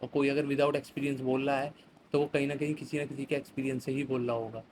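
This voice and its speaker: A man's voice: mid-range voice, level tone, fairly quick, a little mellow, a little hiss or hum, poor audio. A man teaching an exam vocabulary lesson in a chatty way, explaining with everyday examples and reading phrases. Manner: chatty, explains with everyday examples, mixes English words into Hindi.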